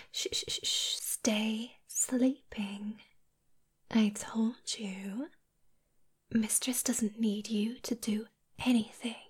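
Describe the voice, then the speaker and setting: Slow breathy succubus whisper by a woman, teasing and possessive, close mic. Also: fairly high pitch, full character voice. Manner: soft whispering, hushing. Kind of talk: whispered ASMR roleplay.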